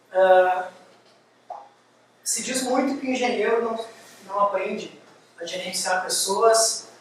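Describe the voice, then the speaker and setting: A man giving a university lecture, lively and firing quick questions at the audience. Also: high-pitched. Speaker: guest lecturer. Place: large lecture hall. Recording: echoey hall, distant mic, faint hiss.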